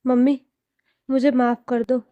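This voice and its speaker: A woman's voice: sits high, flat delivery, unhurried, dry recording, narrow, tinny audio. A woman voicing a spoiled young married daughter who pleads tearfully.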